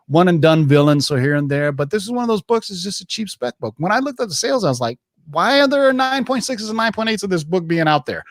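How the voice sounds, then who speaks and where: Animated man hosting a livestream giveaway, hyped. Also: on the high side, no room sound, studio quality. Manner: salty, jokey, informal address. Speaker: livestream host. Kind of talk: casual comic-book livestream chat.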